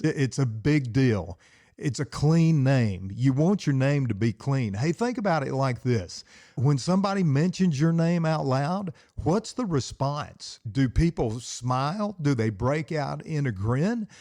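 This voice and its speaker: A man's voice: mid-range voice, a little mellow, dry recording, studio quality. A middle-aged man, hosting a solo podcast from his basement and preaching with fired-up, emphatic repetition. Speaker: podcast host and pastor. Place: home basement.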